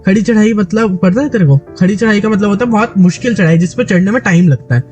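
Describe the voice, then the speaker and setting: Man, from Delhi, high-pitched, sore dry throat, animated casual storytelling, faint guitar music behind. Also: quick pace. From Delhi, India. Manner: animated, retells events with many restarts. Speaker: gaming YouTuber.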